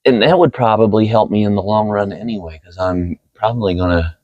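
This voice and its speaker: A man with a growly voice calmly explains car repair steps as a helper mechanic. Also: lowish voice, fairly quick, no room sound, muffled recording. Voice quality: growly, gravelly. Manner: calm, explains step by step. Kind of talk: casual how-to explanation.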